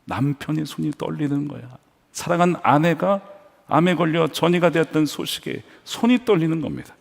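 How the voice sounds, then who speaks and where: A male pastor preaching a sermon in a church, earnest, swinging between hushed storytelling and emphatic points. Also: a little high, animated, moderate pace, vocal fry, in a large hall.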